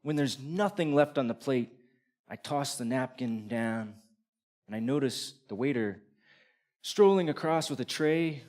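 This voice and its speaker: A man's voice: medium pitch, lively intonation, unhurried, darkish tone. A man performing a live stage story in vivid present tense, building to comic punchlines before an audience.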